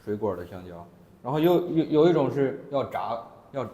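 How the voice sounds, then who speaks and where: A man's voice: medium pitch, sing-song, moderate pace, dark tone, muffled recording. A man teaching Chinese vocabulary in class, repeating words for the students. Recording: echoey classroom with long reverb.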